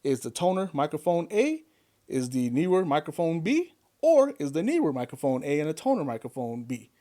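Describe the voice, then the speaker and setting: The voice is a man's, fairly high and warm, with a sing-song lilt and a slightly quick pace. He's a YouTube tech reviewer doing casual vlog talk to camera in a home studio backed by gear, upbeat, chatty, and full of questions for viewers, recorded close on a desk condenser mic on an arm.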